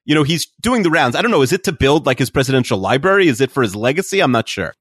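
A man's voice: medium pitch, very animated, rapid-fire, fairly bright tone, no echo, clean studio sound. A man co-hosting a casual podcast, rambling with lots of "uh" and "like". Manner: rambling with many fillers. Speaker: podcast co-host.

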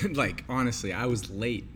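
A man's voice: mid-range voice, measured pace. A man hosting an interview, chatty and candid, asking questions casually. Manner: chatty and candid, laughs easily. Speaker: podcast host. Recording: noisy recording.

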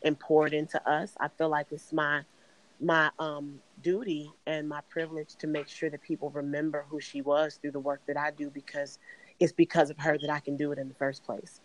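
On a podcast interview, a raspy-voiced middle-aged woman from Chicago, a singer, talks as the guest in an earnest, measured manner. She keeps an even pitch that barely moves, recounting her story at a steady, relaxed pace. Audio quality is poor.

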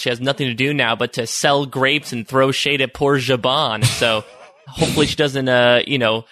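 A man's voice: medium pitch, sharp tone, no echo. A man co-hosting a recap podcast, joking and wry in casual chat. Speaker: podcast co-host.

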